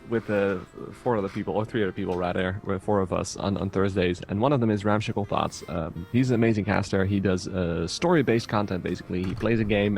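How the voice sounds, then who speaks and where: A man's voice: lowish voice, gravelly, darkish tone. A man streamer on a podcast, recommending a friend in a hesitant way with many fillers. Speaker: streamer and caster. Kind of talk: casual podcast chat.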